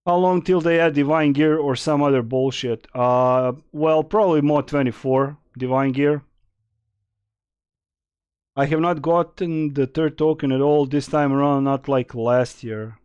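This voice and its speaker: A young man chats slowly with his stream audience, answering questions in a loose, rambling way. His voice is smooth and clear, and the sound is dry and close with no room echo. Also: fairly high pitch, darkish tone, dull audio. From Serbia. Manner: rambling, many fillers and restarts, reading chat aloud. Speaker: game streamer. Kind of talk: casual live-stream Q&A.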